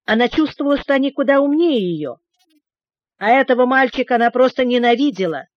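A woman reading a children's adventure story aloud in steady scripted narration. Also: sits high, a little fast, no echo. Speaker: audiobook narrator. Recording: dull, dry recording.

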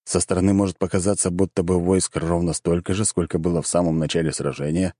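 A man narrates an audiobook in a low, dark and mellow voice, even and measured. The recording is dry and close to the mic. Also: no room sound. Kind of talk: scripted narration.

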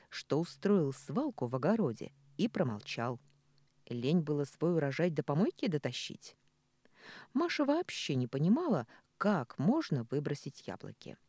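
Brief: female audiobook narrator, low voice with a lively range, dry close sound. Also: no room sound.

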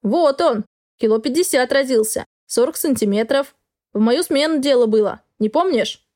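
A woman reading an audiobook, voicing a blunt, caring male doctor in her own fairly high voice. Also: lively intonation, normal speed, darkish tone. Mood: persuading. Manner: blunt, plain-spoken. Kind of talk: audiobook dialogue.

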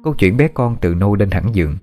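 A man narrating a ghost story audiobook in a steady telling. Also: lowish voice, a little fast, soft background music.

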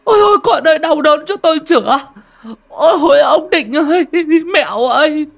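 A man voicing a frantic village mother, calling out and crying in high shrill cries. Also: animated, fairly quick, gravelly, exaggerated voice. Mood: wailing.

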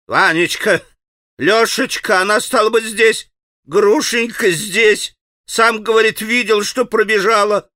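A man's voice: normal speed, few pauses, pushed and bright, no echo, clean studio sound, full character voice. A man reading an audiobook voices a frantic, greedy old father who shrieks and chokes on his words. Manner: shrill, breathless shrieking.

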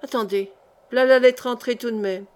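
A touchy, simple-minded young bread carrier, put on by a woman narrator, talking in clipped rustic country speech. The voice sits fairly high for the lad, as a storybook figure read aloud. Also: steady tone, normal speed, smooth, natural voice. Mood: piqued.

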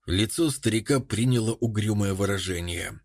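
A man narrating a story in an even, measured reading voice. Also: lowish voice, dry recording, studio quality. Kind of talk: audiobook narration.

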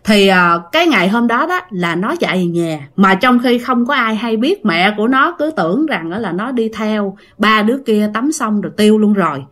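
In a casual, chatty way, a woman narrates a ghost story and speaks directly to her listeners. Her medium-pitched voice is expressive and slightly bright, moving at a normal speed with hardly any pauses.

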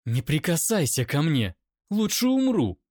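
A man's voice: on the high side, wildly swooping pitch, extremely slow, darkish tone, no echo, clean studio sound, voice pushed up, heavily acted. A male narrator voicing a battered, defiant young wolf-woman who speaks in a raised, strained voice.

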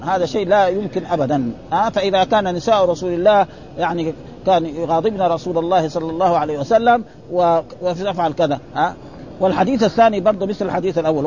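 A man's voice: high-pitched, a little mellow, slight background noise. A man teaching hadith in a casual spoken style, explaining with everyday examples and often asking his listeners if they follow. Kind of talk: hadith lesson in colloquial Arabic. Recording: dull lo-fi recording.

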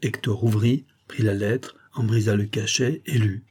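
A man narrating a classic French novel as an audiobook, in a measured, dramatic storytelling manner. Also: fairly low pitch, steady tone, darkish tone, slightly rough.

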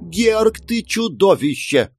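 A man voicing a small, furious, shrill middle-aged wife who scolds and shrieks at her husband. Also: sing-song, moderate pace, soft background music. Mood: scolding shrill.

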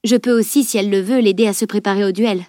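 A woman's voice: mid-range voice, fairly even intonation, quick pace, dark tone, no echo, studio quality, close to an everyday voice. Woman voicing a helpful young swordswoman.

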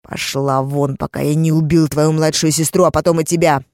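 A woman reading an audiobook, voicing a cruel armed male kidnapper who snarls slow threats. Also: low voice, little pitch movement, darkish tone, no echo, clean studio sound. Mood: menacing.

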